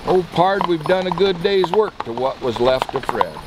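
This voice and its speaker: A man voicing an excited, stubborn cowboy hand from a comic poem, with an American twang and folksy exclaiming. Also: on the high side, moderate pace, voice pushed up, natural voice. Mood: proud, stubborn. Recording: very noisy live recording with clicks.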